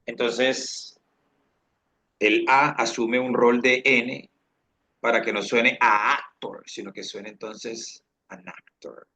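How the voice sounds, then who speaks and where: Man, English teacher, husky bright voice, unhurried, repeats phrases in two languages. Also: medium pitch, level tone. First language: Spanish. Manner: repeats phrases slowly, switching between English and Spanish. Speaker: English instructor. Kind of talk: online English lesson.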